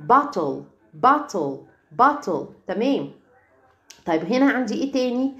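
Lively Egyptian woman teaching young kids. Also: fairly high pitch. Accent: Egyptian Arabic. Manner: drills words slowly and repeats them, checks in often with "okay?". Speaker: kindergarten English teacher. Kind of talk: recorded online lesson.

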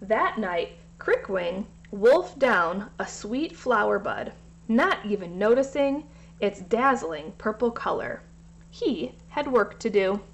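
A woman reading a children's story aloud in a gentle way, sometimes speaking directly to the kids. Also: mid-range voice, big pitch swings, takes it slowly, gravelly, slight background noise.

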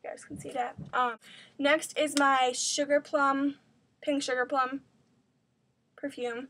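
A woman's voice: high-pitched, flat delivery, takes it slowly, sharp tone. A teenage girl chatting casually in a home video, rambling with lots of fillers, a little out of breath. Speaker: vlogger. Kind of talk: casual vlog showing her dance bag.

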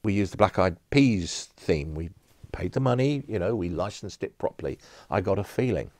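A man's voice: low-pitched, expressive, moderate pace, darkish tone, no room sound. A middle-aged man, an event producer, telling enthusiastic rambling anecdotes in an interview studio. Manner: enthusiastic storyteller, rambling with restarts. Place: studio with empty audience chairs.

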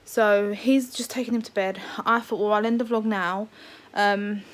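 Speaking at normal speed in a steady, mid-range voice, a vlogger who is heavily pregnant and uncomfortable chats to camera in a family vlog. She rambles and hesitates, filling gaps with plenty of ums. Some faint background noise is audible.

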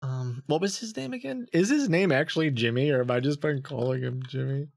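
Deep pitch-shifted voice, gravelly and dry. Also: expressive, a little fast, dry recording. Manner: chuckling, offhand, thinking aloud. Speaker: scam-baiting streamer. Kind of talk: casual aside to viewers.

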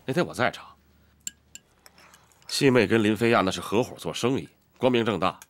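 A man's voice: on the low side, animated, normal speed, lightly acted. An actor playing an easygoing young husband chatting with his wife and mother.

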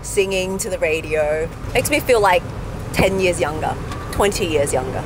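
A woman's voice: fairly low pitch, expressive, moderate pace, music in the background, low-quality recording. A woman in her thirties chatting in an upbeat way while riding in an open-top car, recorded by a camera in the car. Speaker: vlog co-host. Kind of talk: casual chat. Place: open-top car outdoors on city streets. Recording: traffic and wind noise.

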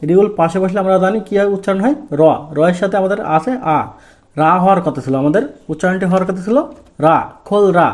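A high-voiced Korean language teacher from Bangladesh leads a step-by-step pronunciation lesson. He asks the class questions and answers them himself, stressing key sounds in a drawn-out, deliberate way.

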